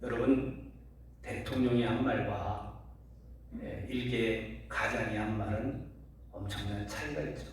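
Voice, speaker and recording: A man's voice: lowish voice, measured pace, long pauses, slight background noise. A pastor preaching a Sunday sermon, speaking earnestly to his congregation and posing rhetorical questions. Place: church sanctuary. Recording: very echoey hall, voice from far off.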